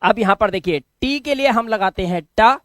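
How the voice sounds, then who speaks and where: A man's voice: high-pitched, normal speed, a bit bright, no room sound. A man giving a video lesson as a teacher, patiently repeating sounds and asking and answering his own questions. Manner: repeats key sounds for drilling.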